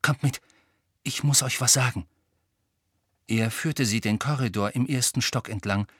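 A man narrating an audiobook in a dramatic, expressive storytelling manner. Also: medium pitch, dry recording, studio quality. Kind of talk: scripted narration.

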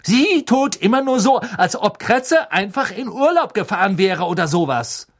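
A man voicing a stubborn, indignant teenage schoolboy in an audiobook, loud, high and complaining. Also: very animated, moderate pace, heavily acted.

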